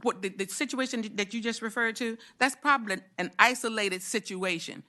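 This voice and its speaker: A woman senator presenting a bill to a committee, reading its provisions in a brisk, steady way. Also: fairly high pitch. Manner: brisk, reads provisions steadily, stumbles on repeats when challenged. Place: legislative committee room.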